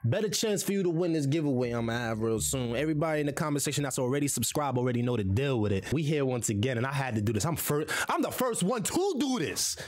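A man's voice: mid-range voice, big pitch swings, fast talker, hardly any pauses. A man hosting a reaction video, hyping it up in slangy casual chat and urging viewers to subscribe. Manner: slangy, hype-building, pleads for subscribers.

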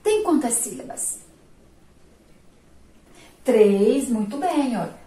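A woman teacher from Sergipe in Brazil with a Sergipe accent, giving a remote literacy lesson to young children, slow and patient, praising answers and drawing out syllables. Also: fairly high pitch, lively intonation, dark tone. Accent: Sergipe Brazilian Portuguese. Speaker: primary school teacher. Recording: echoey room, voice from a distance.

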